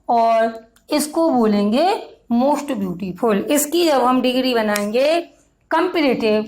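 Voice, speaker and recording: A woman with a Hindi accent leads a grammar lesson at an unhurried pace. Her voice sits fairly high, and she repeats each example word and stretches it out for her students. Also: poor audio. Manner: slow, repetitive, stretches out example words. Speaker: grammar teacher.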